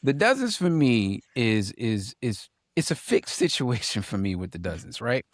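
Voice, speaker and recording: A very animated man with a mid-range voice co-hosts a casual podcast panel at normal speed, recorded with clean studio sound and no room sound. He speaks emphatically, repeating lines for punch and reading viewer comments aloud.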